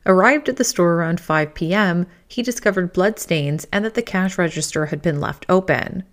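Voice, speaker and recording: A woman with a slightly low-pitched voice narrates a true crime story. Her delivery is scripted and measured, built for suspense like a crime show narrator.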